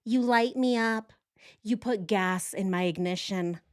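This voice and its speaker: A woman's voice: medium pitch, a little slow, smooth, natural voice. A woman sarcastically reading out a man's corny love one-liners in a mock-romantic manner on a livestream. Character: corny adult male lover reciting sappy one-liners, mocked.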